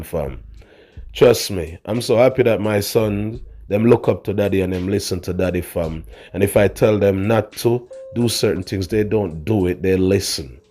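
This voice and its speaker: A man's voice: lowish voice, dark tone. A middle-aged man, giving a casual, opinionated rant in street slang, emphatic and repeating his points. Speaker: online commentator.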